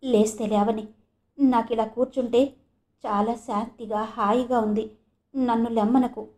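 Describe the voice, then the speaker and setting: A woman reading the part of a remorseful, tender father in an audio novel, speaking softly and gravely. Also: fairly high pitch, steady tone, measured pace, natural voice. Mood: gentle, affectionate. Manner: soft, hushed and grave. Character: gentle grown man, a remorseful tender father.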